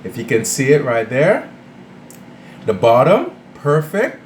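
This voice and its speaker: A man's voice: medium pitch, very animated, takes it slowly, a little hiss or hum. A man hosting a casual cooking vlog from his home kitchen, chatting straight to his viewers and often checking in with them. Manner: chatty, addresses viewers directly, often tags "all right?". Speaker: cooking channel host. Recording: echoey room.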